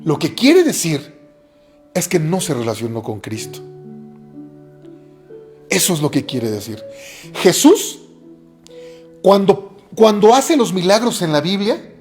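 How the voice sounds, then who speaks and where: A preacher delivers a sermon in a mid-pitched voice. The delivery is earnest and returns again and again to key phrases for emphasis. Faint music plays underneath. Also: very animated, unhurried, pauses often, a little mellow. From Mexico.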